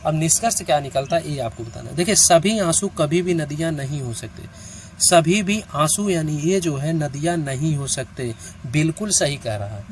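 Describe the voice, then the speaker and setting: A man with a fairly high voice teaches reasoning online, working through each problem step by step. He counts items aloud and keeps asking whether the listener has understood. Faint traffic sounds can be heard behind him. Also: animated, moderate pace. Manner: counts out steps aloud, often checks in with the listener. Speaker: reasoning teacher for competitive exams.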